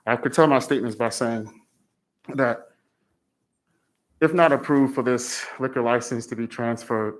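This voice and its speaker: A man's voice: mid-range voice, unhurried, long pauses. A man in the army giving public testimony, plainspoken and respectful, answering questions with many fillers.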